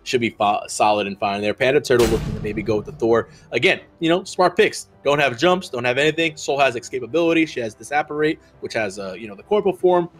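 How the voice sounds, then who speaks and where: This esports caster, medium-pitched and fast with hardly any pauses, breaks down the picks in a video game match. His commentary is rambling and heavy with fillers and restarts.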